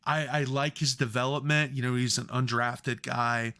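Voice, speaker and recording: Man, bright tense voice, casual sports podcast co-host, profane and worked up. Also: mid-range voice, fairly even intonation, normal speed, clear, resonant tone.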